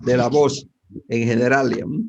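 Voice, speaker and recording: Gravelly man teaching physics. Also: medium pitch, steady tone, moderate pace, a little mellow, highs cut off, slight background noise. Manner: asks the class questions constantly, with many tag questions. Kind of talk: online class lecture.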